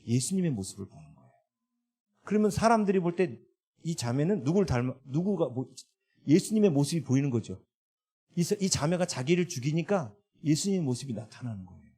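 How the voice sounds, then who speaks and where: Lively Korean pastor preaching a sermon. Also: male voice, fairly high pitch. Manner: questions to the congregation with tag questions; lively rising and falling delivery.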